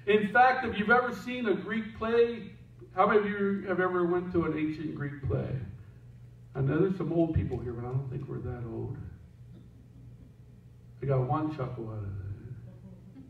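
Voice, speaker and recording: A man's voice: a little high, moderate pace, pauses often, recorded from a distance. A man preaching a sermon in a church in a casual, joking way, with asides to the person running the slides. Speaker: pastor. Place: church sanctuary. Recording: echoey church heard from afar, dull.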